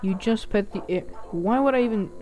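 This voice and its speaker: Woman, gaming host, casual let's-play, reads game text aloud, quick asides, middle pitch, soft game music behind.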